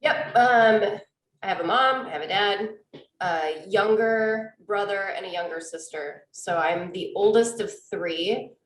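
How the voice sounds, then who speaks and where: A woman's voice: medium pitch, measured pace, reverberant, rough recording. A woman from Wisconsin with a Wisconsin accent, chatting casually as a podcast guest and laughing easily. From Wisconsin, US Midwest. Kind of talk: casual interview chat.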